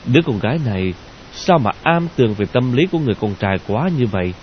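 A man narrating a novel in a slow, measured way. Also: mid-range voice, expressive. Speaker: audiobook narrator. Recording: dull lo-fi audio with hiss.

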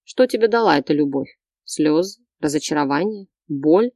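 A woman reading the part of a domineering, threatening man in an audiobook, lowering her voice and speaking curtly. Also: animated, moderate pace, a little mellow, dry recording, clean studio sound. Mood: menacing. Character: domineering controlling man, young adult, cold and threatening.

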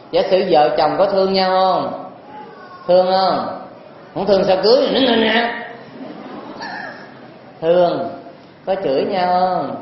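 A male monk with a Southern Vietnamese accent gives a folksy, teasing dharma talk and keeps putting questions to the audience, in a very echoey temple hall. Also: high-pitched. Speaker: Buddhist monk teacher. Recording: very echoey hall, dull lo-fi sound, faint noise.

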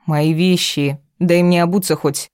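A woman's voice: lowish voice, fairly even intonation, unhurried, darkish tone, smooth, no echo, studio quality, natural voice. A woman voicing a spiteful, tearful wife in an audiobook, alternately pleading and lashing out. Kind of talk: audiobook character reading.

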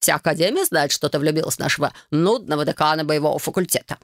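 An audiobook reader voicing a smug, greedy young male fashion genius, speaking slowly and drawing out the words. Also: mid-range voice, no echo, clean studio sound, natural voice. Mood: mocking.

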